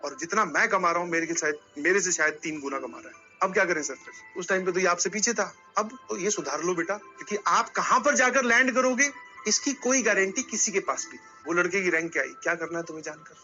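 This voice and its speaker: High, bright-voiced male teacher lecturing. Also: fairly quick, lo-fi sound, faint music behind. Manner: storytelling, addresses students directly and scolds them. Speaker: coaching teacher. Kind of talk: motivational lecture to students.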